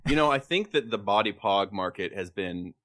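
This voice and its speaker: A man co-hosting a casual comedic chat, building absurd bits in a deadpan storytelling manner. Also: lowish voice, moderate pace, background noise. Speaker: podcast co-host.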